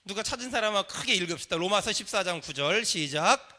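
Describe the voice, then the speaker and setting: Bright, high-voiced preacher leading a congregation. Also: male voice, lively intonation, brisk. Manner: leads the congregation in call and response. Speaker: pastor. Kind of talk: sermon. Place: church sanctuary.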